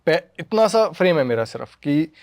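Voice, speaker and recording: A man who acts and makes films, telling lively stories in a casual conversation and mixing in English phrases. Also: on the high side, normal speed, no room sound, clean studio sound. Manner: animated storyteller, mixes in English. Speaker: actor and filmmaker.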